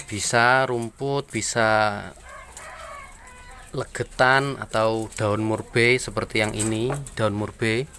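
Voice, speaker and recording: A rabbit farmer, explaining feed tips to viewers in a relaxed, friendly vlog. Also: male voice, medium pitch, a little hiss or hum. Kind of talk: casual how-to vlog. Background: birds and chickens.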